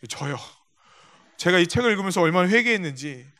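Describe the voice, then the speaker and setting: A pastor preaches a sermon in a church sanctuary in a high, animated, sharp-toned voice at a fairly quick pace. His sermon is built on storytelling, with quotes acted out, and he addresses the congregation directly.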